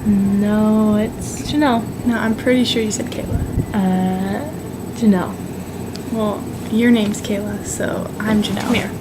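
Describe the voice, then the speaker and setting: A woman's voice: medium pitch, fairly even intonation, unhurried, very noisy. A young woman in silly, teasing home-video banter, arguing playfully about names.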